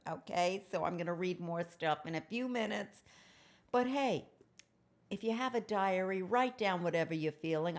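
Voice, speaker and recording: A woman, chatting casually and reading a diary aloud in a rambling, candid way with self-mocking asides. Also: lowish voice. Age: 70s. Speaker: host of an advice show.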